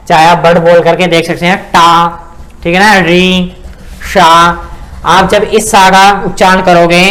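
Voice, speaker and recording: A man teaching a Sanskrit grammar lesson, slowly sounding out syllables and often checking in with his students. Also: sits high, a bit bright. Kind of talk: spoken lesson explaining pronunciation.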